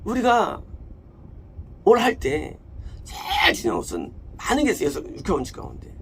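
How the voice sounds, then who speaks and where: A man's voice: sits high, wildly swooping pitch, normal speed, gravelly, fairly bright tone, slight background noise. A man preaching a sermon as a pastor, emphatic, asking questions and answering them himself. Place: church.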